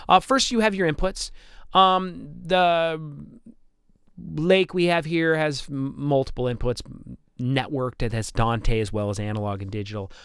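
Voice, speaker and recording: A male instructor and audio engineer with a slightly high, steady, fairly bright and clean voice gives an unhurried, informal lecture over slides. He explains technical material conversationally, now and then stammering and repeating himself, and the studio-quality recording has no room sound.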